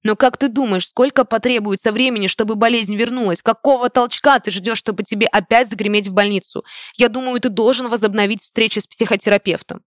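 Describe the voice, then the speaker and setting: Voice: medium pitch, fairly even intonation, brisk, no room sound, clean studio sound, voice pushed up, lightly acted. A reader voicing a domineering, wealthy middle-aged mother who scolds her grown son in an audiobook. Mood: indignant scolding. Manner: hissing, scolding, indignant.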